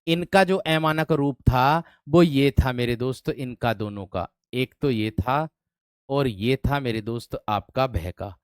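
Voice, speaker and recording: A man teaching an online grammar class for exam students, often asking whether the class has understood and repeating words slowly as he writes. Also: medium pitch, clean tone, no room sound, studio quality. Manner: repeats words slowly while writing on a board; asks the students frequent check-in questions. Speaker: Hindi teacher.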